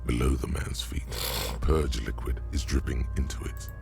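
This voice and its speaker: Bottomless, gravelly, solemn game narrator. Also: male voice, a bass voice, flat delivery, a little mellow, soft background music, heavily acted. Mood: solemn, macabre. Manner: solemn, deliberate, literary. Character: grave inner narrator of a grim detective game. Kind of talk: scripted narration.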